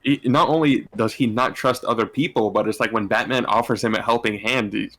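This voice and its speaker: A man with a medium-pitched voice talks casually as a podcast co-host. He gushes like a devoted fan, relating stories in loose slang with some swearing. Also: fairly quick, a bit bright. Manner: gushing, admiring fan talk; anecdotal, loose slangy profanity. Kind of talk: casual chat about comics and games.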